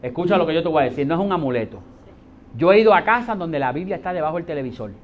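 A middle-aged man preaching a sermon as pastor, emphatic, swinging between soft and loud and repeating key phrases. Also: a little high, expressive, racing, highs cut off, a little hiss or hum.

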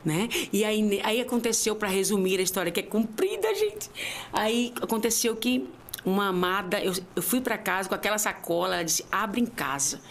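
A woman telling her personal faith story as a podcast guest, heartfelt and sometimes tearful, dropping to near whispers and then rising to high, emphatic cries. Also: animated, normal speed. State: tearful at times. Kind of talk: emotional faith testimony.

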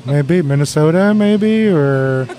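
Chatty podcast host, slightly higher male voice. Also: animated, slow, mellow. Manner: chatty, stammers and repeats words. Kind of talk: casual podcast chat. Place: brewery taproom.

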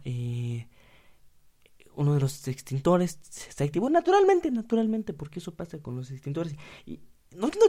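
A man's voice: on the high side, mellow, voice pushed up. A man with a Mexican accent putting on a nervous, overly polite male cinema waiter who stammers through excuses.

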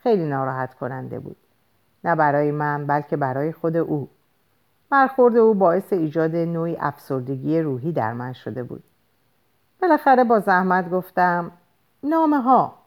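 A woman's voice: low-pitched, expressive. A woman narrating an audiobook in a first-person voice, reading expressively and lifting her voice for the dialogue. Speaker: audiobook reader.

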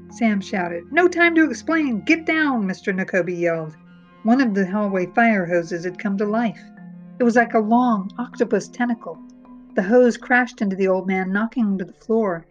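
A woman reading a children's chapter book aloud, punching out the sound-effect words. Her voice sits mid-range. The recording is dull and muffled, with faint instrumental music under it. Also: mid-range voice. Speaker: narrator. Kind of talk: storybook read-aloud narration.

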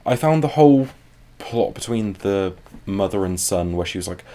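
Podcast co-host, man, very deep voice, rambling casual chat. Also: animated, normal speed, mellow. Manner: rambling, trails off mid-thought. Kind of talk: casual comic book discussion.

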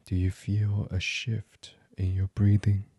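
A man's voice: fairly low pitch, completely flat delivery, breathy edge, no room sound. A man leading a guided meditation in a soothing voice that often drops to a whisper. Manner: slow, soft and soothing, drifting into whispers.

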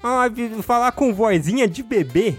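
A man's voice: very high-pitched, expressive, moderate pace, breathy edge, faint music behind. A man with a Brazilian accent co-hosting a casual podcast chat, joking and ranting with a lot of swearing. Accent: Brazilian Portuguese. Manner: joking, swears freely, exaggerated rants. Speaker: podcast co-host.

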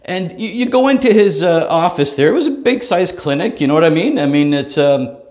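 Male podcast host, comedic rant, swears a lot, fairly high voice, roomy echo. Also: lively intonation, brisk, a little mellow. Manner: profane, rambling, laughing asides. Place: small private home studio.

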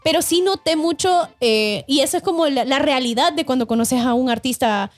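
A woman, co-hosting a podcast and telling a story in a lively, animated way, often laughing and acting out what people said. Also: sits high, moderate pace. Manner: animated, acts out quotes in changed voices, laughs often. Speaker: podcast co-host. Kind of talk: casual storytelling chat.

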